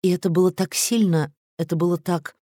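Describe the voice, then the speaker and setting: A man reading an audiobook story, voicing a fragile young woman chess player who speaks in halting, trembling phrases with a raised voice. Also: sits high, steady tone, dark tone, dry recording, clean studio sound, voice pushed up.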